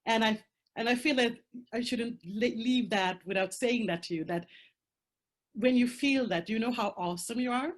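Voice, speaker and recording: At a moderate pace and slightly high pitch, a Swedish-accented woman whose first language is Swedish speaks candidly on a video call panel. She is from Sweden, emphatic and blunt, swearing and laughing even when topics get tough.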